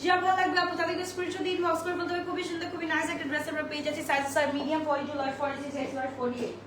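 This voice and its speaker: Chatty high-voiced woman selling clothes live. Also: little pitch movement, very fast. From Bangladesh. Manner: chatty, mixes English into Bengali, repeats sizes in a sing-song list. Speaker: online clothing seller. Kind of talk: live-stream sales pitch. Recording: echoey room with faint noise.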